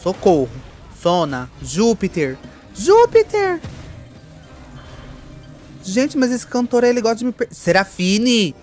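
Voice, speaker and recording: A woman's voice: mid-range voice, expressive, normal speed, hardly any pauses, darkish tone, faint music behind. A woman giving live gameplay commentary, campy and theatrical, with playful swearing at her opponents. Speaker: gaming streamer.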